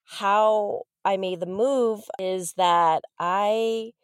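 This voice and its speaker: A woman in her thirties from Southern California, telling her story as a podcast guest in a chatty, animated way. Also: medium pitch, drawn-out words, clear, resonant tone, no room sound, studio quality. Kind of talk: casual interview storytelling.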